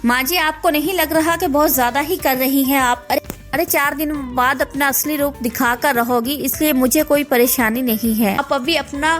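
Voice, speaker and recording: A woman voicing a suspicious, sharp-tongued young bride in an animated story, talking in an accusing way. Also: high-pitched, normal speed, faint music behind, close to an everyday voice.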